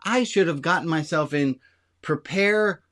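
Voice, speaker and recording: A man's voice: fairly high pitch, a little slow, fairly bright tone. Chatty, candid man leading a service. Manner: candid, self-deprecating, chatty. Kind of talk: conversational sermon with congregation.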